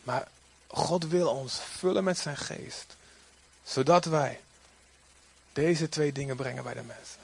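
A man preaching a sermon in a lively way, sometimes acting out quoted figures in a raised voice. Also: fairly high pitch, slow pace, creaky, long pauses, husky.

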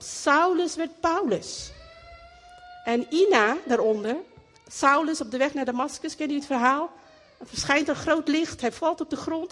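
Animated woman preaching in an echoey hall. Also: high-pitched. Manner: animated, repeats phrases for emphasis. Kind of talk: sermon. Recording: echoey hall, long reverb.

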